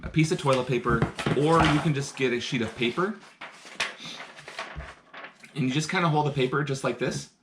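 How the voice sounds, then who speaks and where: Over a noisy background, a medium-pitched male voice leads a live-streamed science lesson from his home. He is enthusiastic and talkative, walking through his hands-on experiments one step at a time.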